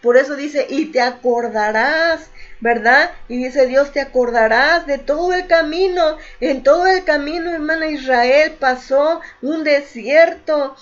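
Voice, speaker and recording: A woman from Mexico preaches to a women's study group with a high voice. She speaks slowly and earnestly, repeating phrases and answering her own questions. The sound is dull and lo-fi, like a live audio stream. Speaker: pastor's wife leading a women's Bible study. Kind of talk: sermon.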